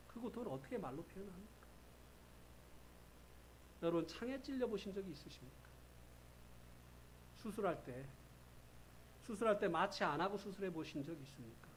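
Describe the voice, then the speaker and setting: A man's voice: fairly high pitch, a little hiss or hum. A man preaching a revival sermon in a church, telling stories with feeling and acting out quoted voices. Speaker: pastor.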